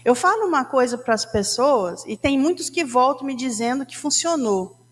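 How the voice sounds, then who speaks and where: High-voiced woman telling stories in a hall. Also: animated, moderate pace. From Brazil. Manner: chatty storytelling, addresses audience as gente. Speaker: spiritist lecturer. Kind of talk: spiritist talk. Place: lecture hall of a spiritist center.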